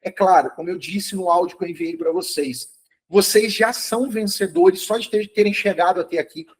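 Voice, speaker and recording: Man, high voice, upbeat, encouraging, online chemistry lesson, checks in with students. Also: fairly quick, slightly rough, poor audio. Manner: calls out to students by name, checks understanding often. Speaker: chemistry teacher. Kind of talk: live online exam review lesson.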